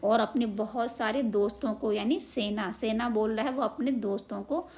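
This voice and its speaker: A woman's voice: on the high side, normal speed, darkish tone. Woman teacher explaining a story. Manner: asks and answers own questions, repeats simply. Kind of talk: explaining a children's story lesson.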